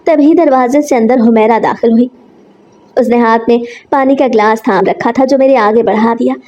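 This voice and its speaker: A woman's voice: a little high, normal speed, mellow, dull audio. A woman narrating a first-person story in an earnest, emotional storytelling manner.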